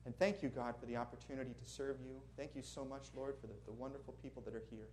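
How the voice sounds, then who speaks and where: A Minnesotan man with a mid-range, darkish voice talks fast and fairly evenly, with slight background noise. He is a guest preacher giving a sermon with prayer and storytelling to a congregation in a church sanctuary, earnest and friendly, with chuckling asides.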